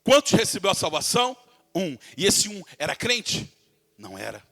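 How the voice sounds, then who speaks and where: A man's voice: high voice, huge pitch swings, normal speed, vocal fry, a bit bright. A man preaching a sermon in Brazilian Portuguese. He talks with passion, calls his listeners dear, and acts out the people in the Bible story. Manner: impassioned preaching, calls listeners "querido", acts out voices from the text. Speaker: pastor.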